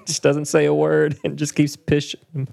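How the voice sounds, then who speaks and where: A man's voice: fairly high pitch, monotone, unhurried, gravelly, darkish tone. A man hosting a casual podcast chat, joking around and laughing often. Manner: laughs often, chatty and jokey. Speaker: podcast host.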